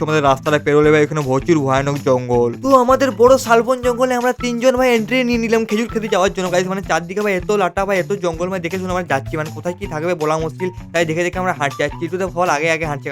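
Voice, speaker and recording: A young man narrating an outdoor forest vlog, excitable and constantly calling out "bhai". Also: fairly high pitch, racing, hardly any pauses. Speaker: vlogger. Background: music.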